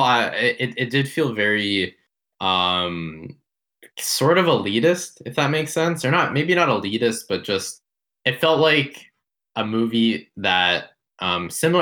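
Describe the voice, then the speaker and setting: Sounding pushed and bright in a mid-range voice, this film podcast co-host talks casually. His speech wanders, he seems uncertain, and he revises what he says mid-thought.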